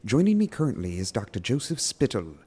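An actor playing a pompous, eager horror podcast host with theatrical, formal phrasing in a scripted audio drama. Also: male voice, mid-range voice, very animated, a little fast, background noise, lightly acted. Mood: chatty, curious.

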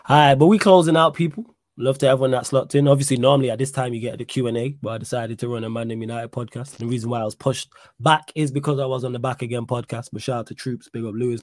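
A man's voice: mid-range voice, a little mellow, no echo, clean studio sound. A man with a London roadman accent and slangy delivery, hosting a casual live football podcast. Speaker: podcast host.

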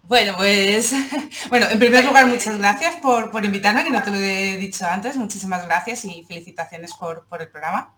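A comic artist from Seville, Spain, appears as a podcast guest, chatting casually and sharing personal stories. She's giggly and laughs often as she speaks. Her voice is medium-pitched and fairly bright, at a normal speed.

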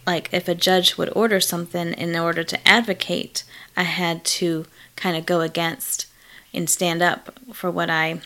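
Middle-aged woman, low-pitched, reflective interview guest who pauses often. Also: level tone, bright, forceful tone. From Malawi. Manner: reflective, frequent ums and laughs. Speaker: therapist in private practice. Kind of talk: casual interview conversation.

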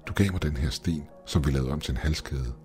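A man's voice: rumbling low, dark tone, faint music behind. A man voicing a frightened woman in her thirties who pleads with a trembling voice in a horror story. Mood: pleading.

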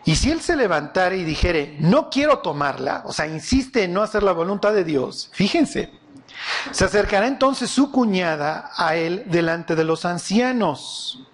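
A man preaching a sermon, animated and often quizzing his audience with questions. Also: sits high, unhurried.

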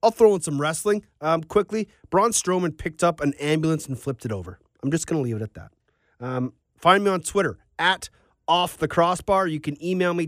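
A man's voice: on the high side, a bit bright, dry recording, clean studio sound. A man hosting a sports podcast, talking in a casual, rambling, conversational way.

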